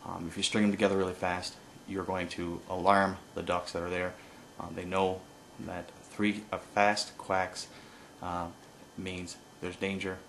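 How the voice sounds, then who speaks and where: A man giving an informal hands-on tutorial as an instructor, explaining haltingly with pauses and no script. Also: deep voice, level tone, gravelly, fairly bright tone, a little hiss or hum. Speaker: duck-calling instructor.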